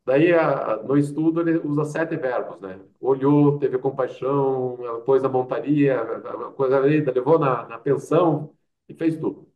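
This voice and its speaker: A man with a Brazilian accent speaks in a mid-range voice at a moderate pace, sounding far from the mic on narrow, tinny audio. He's a doctor and public health expert appearing as an interview guest, telling anecdotes and making his points through rhetorical questions and quoted asides in a conversational interview.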